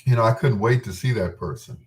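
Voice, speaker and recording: A middle-aged man with a lowish voice talks fast, sitting far from the mic on poor-quality audio. Hosting his own show, he reminisces in a rambling, candid, playful way. His storytelling is informal, and he often quotes himself.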